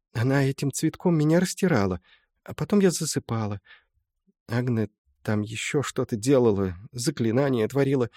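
A man reading the part of an old village mother who confesses her past softly and tearfully, in a folksy storytelling way. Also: mid-range voice, no echo, clean studio sound. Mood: tender. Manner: soft storytelling, folksy and confiding. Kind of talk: audiobook reading.

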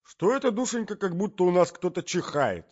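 A man's voice: very animated, takes it slowly, fairly bright tone, highs cut off, heavily acted. A man voicing a feeble, fussy old husband who quavers and keeps coughing. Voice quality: quavering, high, interrupted by coughs. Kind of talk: audiobook character reading.

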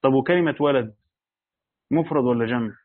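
A man reading a classical Quran commentary aloud to a class, adding colloquial asides and questions in a brisk, steady recitation. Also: medium pitch. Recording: tinny, dry, phone-like lo-fi recording.

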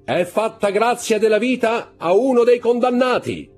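A man voicing the solemn head of a religious brotherhood who proclaims in a loud, clear voice. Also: extremely high pitch, lively intonation, normal speed, soft background music, pitched above the performer's own voice. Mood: proclaiming.

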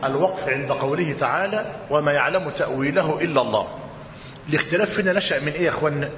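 A man with an Egyptian accent teaching a religious lesson, slowly dictating and repeating each phrase and quizzing his students. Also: a little high. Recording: dull roomy hall recording, faint hiss.

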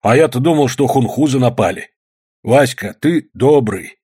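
A man voicing a rambling, tipsy, good-natured village uncle in an audiobook, talking loudly. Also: medium pitch, animated, moderate pace, slightly rough. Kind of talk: audiobook character voice.

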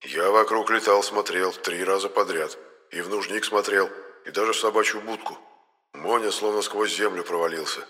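A man voicing a grumpy, scornful male spirit who mutters quietly. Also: deep voice, steady tone, normal speed, in a large hall. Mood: grumbling.

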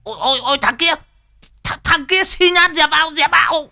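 A man voicing a loud, crude, boastful old male driver. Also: extremely high pitch, animated, moderate pace, vocal fry, pitched above the performer's own voice, heavily acted. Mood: alarmed. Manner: shouting, abusive, boastful.

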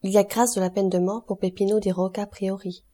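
A solemn religious leader announcing in a loud, clear proclamation, as a woman reader voices him. The voice stays dark and husky. A storybook reading. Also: mid-range voice, flat delivery, fairly quick, close to an everyday voice. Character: solemn head of a religious brotherhood.

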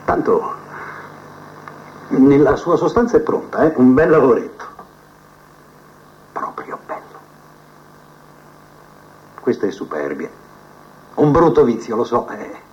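An actor playing a proud, scheming male prison inmate who believes he is a genius, musing aloud to his cellmate in a theatrical TV drama monologue, drifting between soft mutters and sudden outbursts. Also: mid-range voice, animated, normal speed, pauses often, close to an everyday voice. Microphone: cassette recorder mic held to a TV speaker. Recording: muffled TV audio taped off a set onto cassette.

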